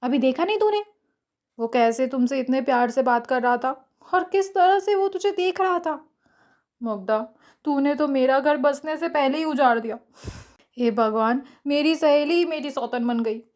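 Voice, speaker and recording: A woman's voice: high voice, moderate pace, darkish tone, lightly acted. Woman narrator doing a teasing best friend. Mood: dramatic. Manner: playful, teasing and dramatic. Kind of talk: audio story character voice.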